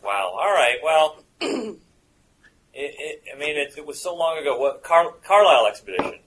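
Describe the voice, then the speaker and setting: A man voicing a hazy, broke English stoner who rambles slowly and hesitantly, with an English accent. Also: fairly high pitch, big pitch swings, fairly bright tone, slight background noise, poor audio. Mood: rambling. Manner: slow, rambling, hesitant drawl.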